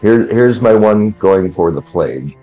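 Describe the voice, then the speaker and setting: A man with a very low voice talks through his turn in a board game, relaxed and thinking aloud. His audio is dull and lo-fi. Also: measured pace, faint music behind. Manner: relaxed, thinks aloud while choosing moves. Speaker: player. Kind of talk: casual game chat.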